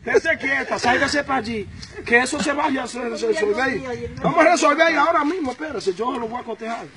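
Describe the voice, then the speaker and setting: A man with a Dominican accent telling a comic story in a casual, animated way, acting out the scenes. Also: extremely high pitch, a little fast, over a noisy crowd. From Dominican Republic. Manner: animated, acts out the scenes he tells.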